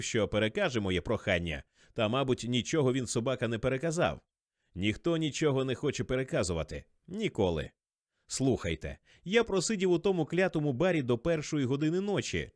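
A male narrator reads a first-person novel in a rambling, slangy confessional manner, his pitch rising and falling in lively swings. The sound is dry and close, with no room echo. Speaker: audiobook narrator.

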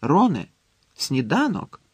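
Man reading aloud as a confused teen boy asking what's going on, slightly raised voice, husky, dry. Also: a little high, huge pitch swings, takes it slowly, dry recording, full character voice. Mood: baffled. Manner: baffled, questioning. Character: puzzled teenage boy, sensible friend.

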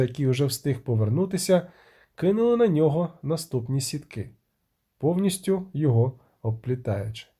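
A man's voice: fairly high pitch, dark tone. A man narrating a fantasy audiobook expressively, giving the characters voices.

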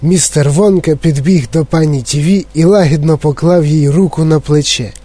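A man narrating a children's book chapter with steady storytelling delivery. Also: on the high side, normal speed. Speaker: audiobook narrator. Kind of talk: scripted narration.

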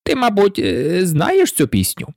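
A reader voicing an eccentric, mournful male hatter in a storybook, rambling and excitable, with frequent hesitations. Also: mid-range voice, measured pace, no room sound, clean studio sound, voice pushed up. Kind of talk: storybook reading.

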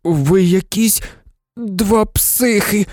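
A man voicing a frightened, stubborn teenage boy with a high, shaky, shouting voice. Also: animated, normal speed, dry recording, studio quality, soft background music.

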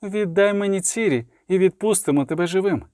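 A man reading aloud voices a cool, commanding female sorceress who speaks calmly. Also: sits high, a little fast, dry recording, clean studio sound, pitched above the performer's own voice, lightly acted. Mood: cold. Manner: calm and demanding.

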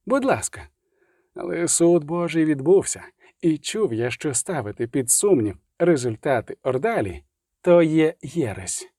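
A man voicing a calm, ironic male barber who speaks in a cool, measured way, in an audiobook reading. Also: a little high, dry recording, clean studio sound. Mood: cold.

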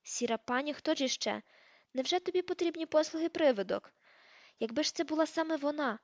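Fussy, friendly old gentleman ghost, voiced by a woman, slow and effusive, dull audiobook sound. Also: high voice, lively intonation, no echo, pitched above the performer's own voice. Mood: eager. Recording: dull lo-fi dry audiobook recording.

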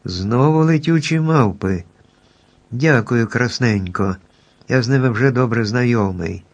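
A man's voice: mid-range voice, a little slow, muffled recording. A man voicing a cowardly shaggy male lion who grumbles nervously in a storybook reading. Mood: fretful.

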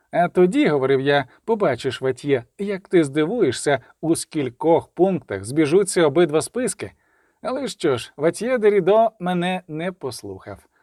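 A man voicing a cold, sardonic middle-aged male coroner who speaks in a measured, menacing way. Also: a little high, a little mellow, dry recording, studio quality.

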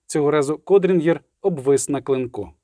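A man narrates a fantasy audiobook in a steady, measured voice that sits a little high. The recording is dry and close. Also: no room sound. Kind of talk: scripted narration.

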